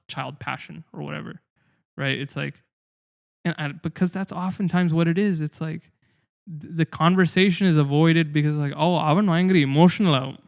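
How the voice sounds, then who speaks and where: Young man, casual podcast talk, earnest and reflective, gravelly edge, fairly high voice. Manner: earnest, reflective, many fillers and restarts. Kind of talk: casual discussion.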